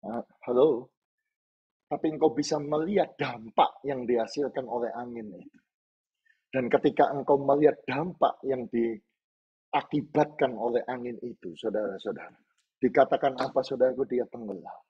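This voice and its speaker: A male pastor preaching a sermon with passion, jumping from loud shouts to hushed low words. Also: husky. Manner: impassioned preaching, swings between shouting and hushed low tones. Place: church service streamed to home viewers.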